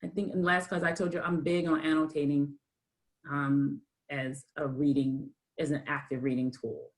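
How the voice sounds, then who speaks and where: A lower-pitched woman leads a college writing class over a video call. She speaks casually and often pauses with ums and restarts. Her voice sits on the deep side for a woman. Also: little pitch movement, rough recording. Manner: hesitant, many ums and restarts. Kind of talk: online class lecture.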